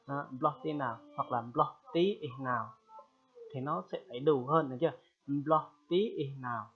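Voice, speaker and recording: Man teaching, chatty and patient, keeps repeating words and checking in, sounds tinny like over a phone. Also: on the high side. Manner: repeats phrases slowly and loudly for learners; chatty, checks in with "được chưa?". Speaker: language teacher. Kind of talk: casual spoken lesson.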